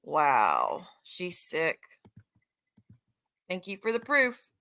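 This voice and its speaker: Fairly low in pitch yet swinging hugely up and down, this woman's voice is creaky, bright, and forceful, and she talks extremely slowly. She's an online streamer ranting live and off the cuff at her viewers, sarcastic and confrontational, cursing heavily.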